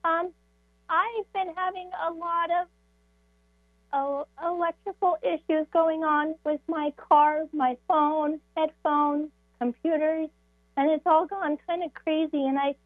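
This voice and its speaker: A woman's voice: sits high, steady tone, takes it slowly, dry recording. A woman calling in to a show, chatting hesitantly with her voice giving out, over a phone line. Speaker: call-in show caller. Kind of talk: casual chat on a call-in show. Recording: narrow, tinny phone line.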